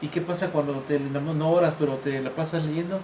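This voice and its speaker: A man's voice: fairly high pitch, steady tone, fairly quick. Mexican man agreeing in church talk. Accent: Mexican Spanish. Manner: affirming, talks through points with frequent agreement. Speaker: co-host in church discussion. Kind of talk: casual church discussion. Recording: echoey room with faint noise.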